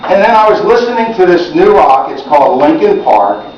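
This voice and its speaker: A man's voice: sits high, big pitch swings, moderate pace, slight background noise. A middle-aged man performing chatty stand-up comedy for a crowd, talking to the audience and cracking jokes. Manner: chatty, jokey, addresses the crowd. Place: senior center hall. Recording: echoey hall, distant and dull.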